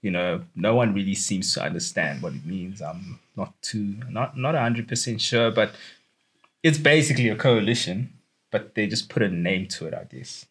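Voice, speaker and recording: Young South African guy co-hosting a chat podcast; easygoing and rambling, quick to laugh, calls his friend dude. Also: on the low side, animated, fairly bright tone, breathy edge. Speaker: podcast co-host. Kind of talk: casual chat.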